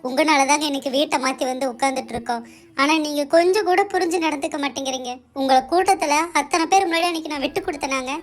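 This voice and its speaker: A fiery young wife, voiced by a performer in a doll-serial drama, her voice pitched extremely high and racing along. She scolds and accuses in quick, sharp bursts, and soft music plays faintly underneath. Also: natural voice. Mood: accusing. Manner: sharp, scolding, rapid-fire. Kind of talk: amateur doll-serial voice acting.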